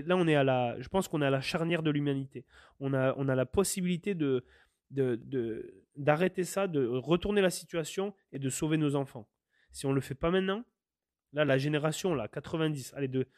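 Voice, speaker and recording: A man's voice: on the high side, a little mellow, no echo, studio quality. A French man hosting a podcast, talking in a passionate, rambling way, repeating himself and swearing now and then. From France. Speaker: podcast host. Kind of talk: casual monologue. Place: living in Canada.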